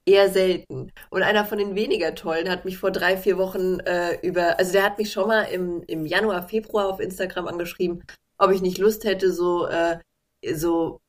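A young woman, an artist, telling a story in casual chat, animated, blunt and sarcastic. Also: on the low side, normal speed.

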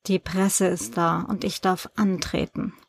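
A weary young woman coworker in an audiobook, voiced by a woman. She speaks in a resigned, sighing way, low and quiet. The recording is dry and close. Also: fairly even intonation, measured pace, gravelly, no room sound.

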